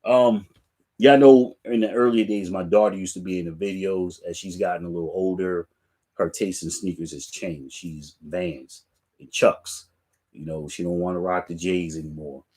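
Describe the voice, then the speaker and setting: Speaking with a deep, warm, steady voice at a moderate pace, a middle-aged man runs a live chat on his sneaker channel. He's relaxed and casual with viewers, in a room lined with shoe racks.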